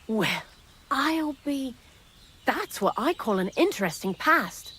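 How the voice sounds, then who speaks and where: A woman's voice: high voice, sing-song, slow pace, a bit bright, slight background noise, full character voice. A chatty, wry female thief. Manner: talkative, sardonic, gossipy. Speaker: miller's thief accomplice in a game. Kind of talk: video game dialogue.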